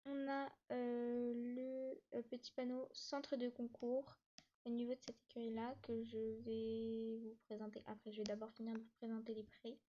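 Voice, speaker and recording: A YouTuber with a slightly high, warm voice gives a casual, flat-toned tour of her game map, rushing and hesitating with many fillers and restarts. She says she struggles to catch her breath and sounds a bit winded. The audio is dull and muffled, as if from a cheap mic.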